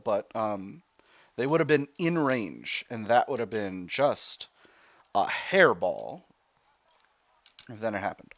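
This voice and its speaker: A man's voice: mid-range voice, a bit bright, no room sound. Man thinking aloud through game commentary. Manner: mild exclamations, talks through each decision step by step. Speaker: let's play host.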